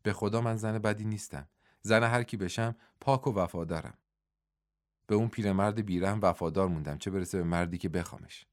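A man's voice: on the low side, close to an everyday voice. A man reading the part of a desperate young widowed woman servant, pleading and confessing in a storybook reading.

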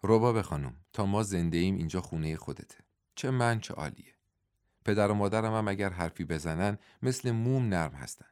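A man's voice: sits low, expressive, clean tone, no room sound, clean studio sound. A man reading the part of a kind, protective young man who speaks reassuringly in a storybook. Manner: warm, reassuring.

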